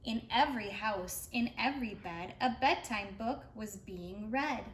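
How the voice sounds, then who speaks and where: This storyteller for preschool children has a medium-pitched voice and takes her time. She reads a rhyming picture book aloud with plenty of expression. The recording is roomy and carries a little background noise.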